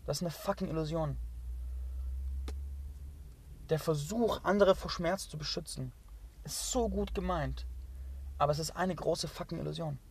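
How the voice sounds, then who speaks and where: A man delivering an impassioned motivational monologue as a spiritual coach. He talks intensely and emphatically, repeats phrases, swears, and sometimes drops to a hushed half-whisper. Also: on the high side, normal speed, creaky, a little hiss or hum.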